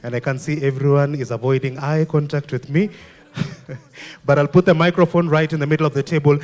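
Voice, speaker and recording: Man hosting, slightly high voice. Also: steady tone, fairly quick, darkish tone. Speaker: event host. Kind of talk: informal hosting with a roaming mic.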